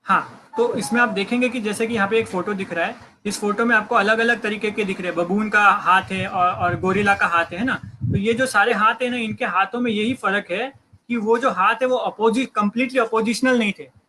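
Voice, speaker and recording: A man's voice: sits high, fairly even intonation, fairly quick, bright, forceful tone, slight background noise, rough recording. A man explaining human evolution in casual talk, hesitant, with many fillers and restarts. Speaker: guest biologist explaining evolution.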